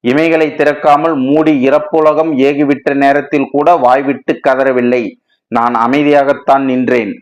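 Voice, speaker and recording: A man's voice: mid-range voice, little pitch movement, measured pace, lightly acted. A man voicing an anguished male writer in a storybook reading, lamenting in a dramatic, wordy way, on a dull lo-fi recording. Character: anguished male writer, grief-stricken and impassioned.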